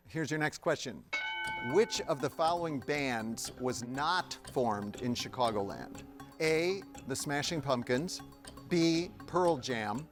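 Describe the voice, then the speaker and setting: A man hosting a quiz show, reading questions and narrating in a jokey, playful way with frequent laughs. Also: medium pitch. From Evanston, Illinois.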